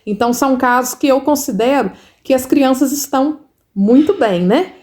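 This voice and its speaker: A woman teacher with a Brazilian Portuguese accent explaining children's literacy work in a casual lesson, chatty, full of tag questions, sounding out syllables slowly. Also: sits high, expressive, darkish tone. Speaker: first-grade literacy teacher.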